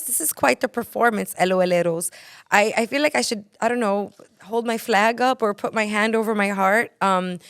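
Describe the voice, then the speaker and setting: An enthusiastic woman hosts a podcast interview, effusive in her praise. Her voice sits at a middle pitch, and the sound is dry and close to the mic. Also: fairly bright tone, no echo. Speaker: podcast host.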